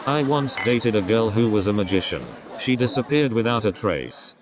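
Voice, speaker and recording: A man doing a stand-up comedy routine, delivering deadpan one-liners one after another. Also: fairly low pitch, normal speed, heavy background noise. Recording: crowd laughter in background. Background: audience laughter.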